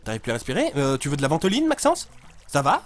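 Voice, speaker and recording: A man's voice: on the high side, huge pitch swings, fast. A man voicing a grumpy, tired middle-aged father scolding his son. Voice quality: gruff, grumbling. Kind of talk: comedic gameplay sketch.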